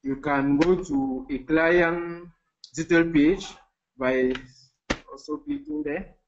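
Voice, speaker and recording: Slow-talking guy on a call, english not his first language, volume jumps around and cuts out, dull lo-fi sound. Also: a little high. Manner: halting, repeats words, many fillers. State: audio cutting out, uneven volume. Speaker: software contributor demoing an app. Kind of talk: narrated screen demo on a call. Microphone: video call. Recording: lo-fi video call audio.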